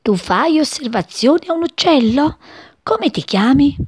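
A woman's voice: sits high, expressive, unhurried, darkish tone, dry recording, clean studio sound, voice pushed up. Woman doing an eager little boy bird. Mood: curious. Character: curious little male bird, eager and cheeky.

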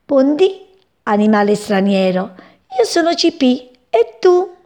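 A woman's voice: sits high, sing-song, takes it slowly, mellow, pitched above the performer's own voice, full character voice. CP, a woman doing a chirpy little bird. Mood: cheerful. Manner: chirpy, cheeky, bold. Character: small curious cheeky young male bird.

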